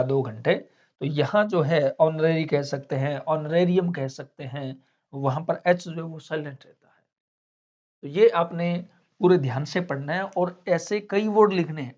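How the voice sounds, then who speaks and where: A man's voice: on the high side, darkish tone. A male teacher explaining English silent letters in a classroom lesson. He asks questions and answers them himself, step by step. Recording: dull lo-fi sound.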